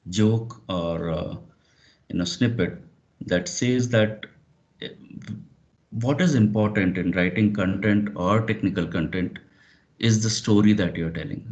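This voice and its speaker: A man presenting an online webinar, speaking hesitantly with many fillers like "you know". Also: fairly low pitch. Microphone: video call. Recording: dull lo-fi video call audio.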